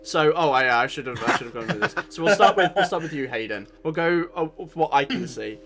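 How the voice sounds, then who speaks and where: A man narrating a tabletop fantasy game as game master, halting with frequent fillers. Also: a little high, lively intonation, fairly bright tone, soft background music.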